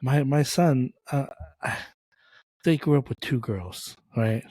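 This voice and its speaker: A man's voice: mid-range voice, slow pace, warm tone, breathy edge, dry recording. A man from Thailand co-hosting a casual faith podcast, talking in an emphatic, joking way. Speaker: podcast co-host.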